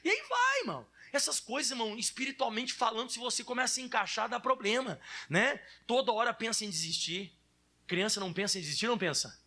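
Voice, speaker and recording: A man in his thirties preaching as a pastor in church, lively and animated, acting out children's whiny voices. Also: extremely high pitch, fast. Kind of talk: sermon.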